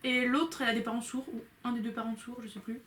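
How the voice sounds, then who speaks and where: A woman's voice: fairly high pitch, flat delivery, fast talker, fairly bright tone, a little hiss or hum. A young woman chatting casually with a friend on a video call, teasing and often dropping to a murmur. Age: young adult. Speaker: co-host. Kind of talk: casual chat.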